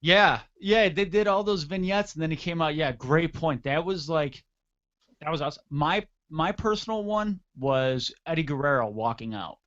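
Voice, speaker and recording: Rambling, animated male radio co-host. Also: on the high side, moderate pace, muffled recording. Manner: animated, rambling, laughs often. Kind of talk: casual wrestling talk.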